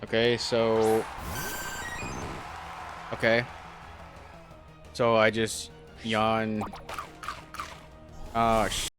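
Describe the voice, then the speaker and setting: A man's voice: lowish voice, monotone, extremely slow, long pauses, music in the background. A young man casually commenting on his own gameplay, thinking aloud with a self-deprecating, hesitant manner and frequent restarts. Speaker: gaming YouTuber.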